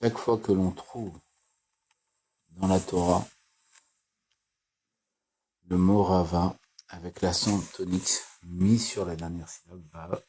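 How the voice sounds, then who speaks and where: Man, Torah lesson, very low voice, husky, halting reading. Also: dark tone. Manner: slow, halting reading with restarts and repeated phrases. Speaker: Torah teacher. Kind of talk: reading and explaining Torah commentary.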